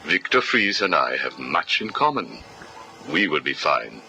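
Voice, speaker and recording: An actor playing a calm, coolly menacing prison psychiatrist, heard as a video game interview tape recording. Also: male voice, very deep voice, a little slow, creaky, exaggerated voice, rough recording. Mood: cold. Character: cold, probing male prison psychiatrist. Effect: played from a hissy interview tape recording.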